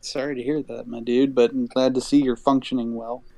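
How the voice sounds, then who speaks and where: A man chatting casually on a podcast, joking excitedly and often breaking into laughter. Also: medium pitch, brisk, crowd noise. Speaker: podcast co-host.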